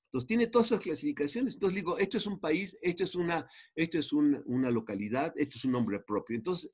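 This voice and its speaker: A man, chatting his way through a coding demo as an instructor, animated and full of restarts. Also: medium pitch, husky. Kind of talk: casual screen-share coding walkthrough.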